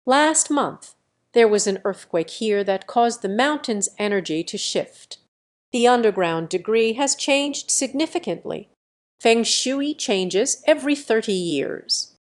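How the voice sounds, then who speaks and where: A woman reading the lines of a sly, scolding old male country healer in an audio story, with a gruff, teasing manner. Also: on the high side, animated, unhurried.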